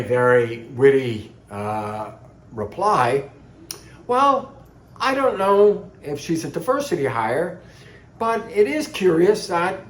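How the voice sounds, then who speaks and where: A man from Canada, giving a scornful, sarcastic political monologue. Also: a little high. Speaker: political commentator. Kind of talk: opinionated monologue. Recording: echoey room.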